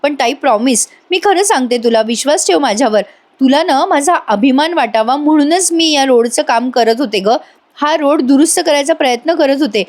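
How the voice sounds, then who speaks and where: A woman's voice: high voice, animated, moderate pace, a little mellow, voice pushed up. A woman voicing a spirited, pregnant younger sister who defends herself earnestly.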